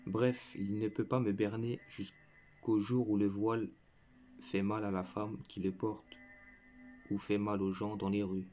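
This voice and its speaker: Speaking at a measured pace in a fairly low, warm, level voice, a man gives his viewers a combative religious commentary. He lectures with scorn, addresses the listener directly, and lapses into mocking laughter. There's a little hiss or hum on the muffled lo-fi recording.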